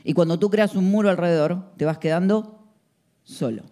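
A man's voice: high-pitched, normal speed, warm tone. A man preaching a sermon, emphatic and full of rhetorical questions.

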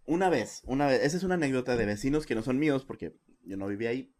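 A young man with a Mexican Spanish accent, co-hosting a podcast and telling a story in a casual chat, acting out shouting neighbors and laughing often. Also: rapid-fire. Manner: animated, acts out shouting neighbors with big jumps in pitch, laughs often. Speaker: podcast co-host.

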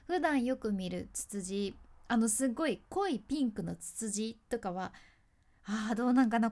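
A woman speaks with an in an easygoing solo monologue. Her voice sits a little high. She is chatty, laughs often, and keeps asking her listeners questions. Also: darkish tone. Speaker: freelance announcer and speaking coach. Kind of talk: casual solo chat.

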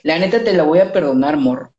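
A podcast co-host with a Mexican accent, reading an erotic story aloud in a drawn-out casual way, laughing and hesitating. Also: mid-range voice, darkish tone. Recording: dull, roomy lo-fi recording.

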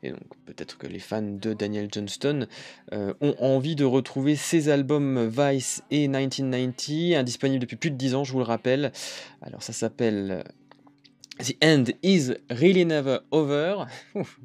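A man's voice: mid-range voice, a little mellow. Hesitant man reviewing new music. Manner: hesitant, many "euh" fillers. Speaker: music podcast host. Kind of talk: casual music review talk.

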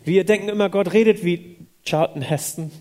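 A male interpreter with a fairly high, mellow voice renders a sermon phrase by phrase. His delivery is quick and casual, with fillers and restarts. He follows close behind each line he repeats.

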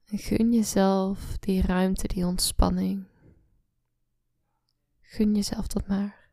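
A woman guiding a relaxation meditation, speaking slowly and softly, often in a whisper, close to the mic. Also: medium pitch, little pitch movement, gravelly, no echo. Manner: slow soft-spoken, often whispering. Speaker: meditation guide.

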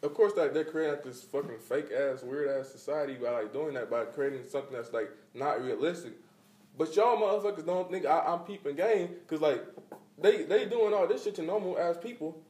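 A man's voice: on the high side, fairly quick, a little mellow. A man on a casual podcast, ranting emphatically with lots of slang and profanity. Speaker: podcast co-host. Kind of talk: casual chat. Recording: echoey room, mic at a distance.

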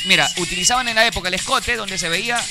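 A man hosting a live radio show in a playful, quick manner. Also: high-pitched, music in the background.

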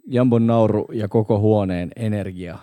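Podcast host, male, deep and warm, dry mic; casual, cussing talker. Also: fairly even intonation, no echo. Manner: swearing, reads out episode timestamps. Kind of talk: casual chat.

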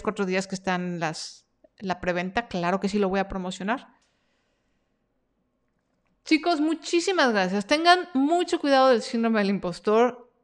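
A woman with a mid-range voice reads viewers' comments aloud during a live stream Q&A about her freelance workshop, keeping her tone chatty and encouraging.

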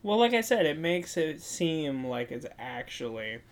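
A woman's voice: deep voice, sing-song, unhurried. A woman co-hosting a film podcast in casual banter, informal and wry, chiming in with short remarks.

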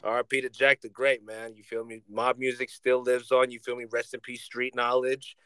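A man hosting a podcast in casual, slangy stoner talk full of swearing, audibly high on cannabis. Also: flat delivery, normal speed, pushed and bright, clear, resonant tone. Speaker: podcast host. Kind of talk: casual chat, slangy storytelling.

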